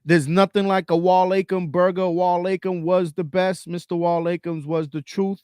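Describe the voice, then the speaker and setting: A man co-hosting a podcast, talking fast in an animated, slangy way and repeating himself for emphasis. His voice sits a little high for a man. The recording is close and dry, with no room sound. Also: smooth, no room sound. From Trinidad and Tobago, raised in Boston and Queens. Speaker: podcast co-host. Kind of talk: casual podcast chat.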